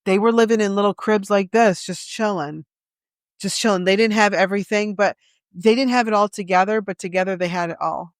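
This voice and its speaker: A woman's voice: mid-range voice, a little fast, dry recording. A woman co-hosting a podcast from a small studio room, with joking, laid-back banter. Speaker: podcast co-host. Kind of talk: casual chat.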